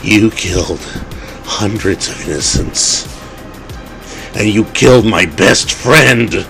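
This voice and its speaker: A man voicing a battered, bitter male werewolf hero, speaking low and strained. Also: steady tone, fast talker, soft background music.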